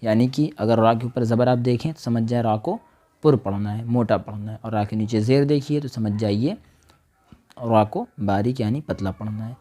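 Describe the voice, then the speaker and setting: A man teaching a recorded Quran reading lesson, sounding out each letter and vowel slowly and checking with his listeners as he goes. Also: medium pitch, mellow. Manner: slow, careful demonstration of each sound, often asks "theek?".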